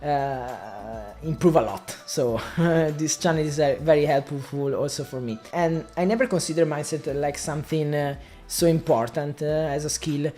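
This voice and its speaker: This digital marketing media buyer, an Italian native speaker from Italy, explains his work to camera in casual, accented English, often stopping and starting again. His voice is a little high and mellow, at a moderate pace with hardly any pauses, over soft background music.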